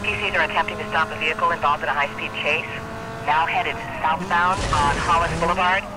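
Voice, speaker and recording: A police dispatcher over a radio. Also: male voice, a little high, fairly even intonation, a little fast. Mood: brisk. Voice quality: clipped, procedural radio delivery. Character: male police dispatcher calling a chase. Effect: police radio transmission. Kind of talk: video game police radio chatter. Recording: police radio over loud car game noise.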